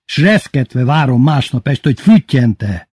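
A man's voice: mid-range voice, very animated, darkish tone, slightly rough, no room sound, pitched above the performer's own voice. A man voicing a boisterous, drunk older man who swears crudely and makes pompous toasts. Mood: wild.

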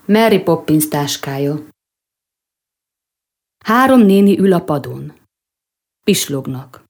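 Mellow-voiced woman reading prose. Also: on the low side. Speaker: reader of a short prose piece. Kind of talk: first-person prose reading.

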